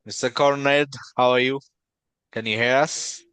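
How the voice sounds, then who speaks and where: A man from Ethiopia hosting a video call meeting and presenting, friendly and halting with many fillers and restarts. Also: medium pitch, fairly even intonation, fairly bright tone, clear, resonant tone, dry recording. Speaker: meeting host, company founder.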